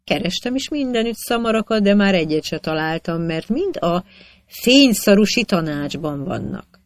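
A narrator voicing a witty old village priest with quick, sly retorts in a storybook reading. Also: medium pitch, lively intonation, no echo, studio quality, voice pushed up, lightly acted.

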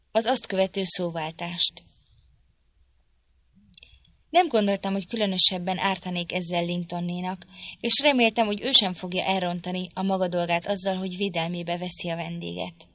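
A woman narrating a literary audiobook in a measured, even storytelling manner. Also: lowish voice, no echo. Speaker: audiobook reader.

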